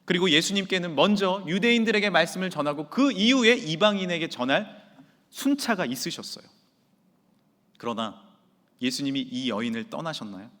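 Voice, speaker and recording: A man preaching a sermon as pastor in a church sanctuary, swinging from loud to near-whisper. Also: fairly high pitch, lively intonation, normal speed. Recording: reverberant church hall.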